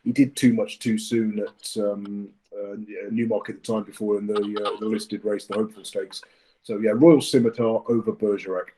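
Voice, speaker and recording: A man's voice: lowish voice, steady tone, moderate pace, mellow, rough recording. A man giving his horse racing tips in a casual chat, often hesitating with fillers and restarts. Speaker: racing tipster.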